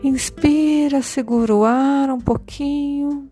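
A woman guiding a meditation in a slow, soothing, gentle way. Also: high voice, fairly even intonation. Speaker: meditation guide. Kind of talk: guided meditation. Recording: soft music behind.

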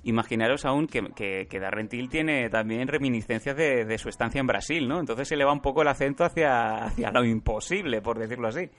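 A man's voice: mid-range voice, fairly quick, few pauses, fairly bright tone. Bantering podcast co-host, man. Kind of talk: casual podcast chat.

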